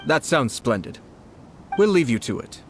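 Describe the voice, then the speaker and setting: An actor playing a polite, shrewd young noble commissioner in a video game, speaking in a measured, formal way. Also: male voice, on the high side, very animated, slight background noise. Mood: courteous.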